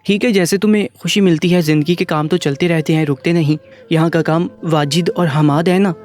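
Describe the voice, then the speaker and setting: An older patriarch with a relaxed, light manner, read by a man narrator. The voice stays slightly high and untouched by age effects. Soft music sits faintly behind. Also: lightly acted. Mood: easygoing. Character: elderly grandfather, family patriarch, easygoing.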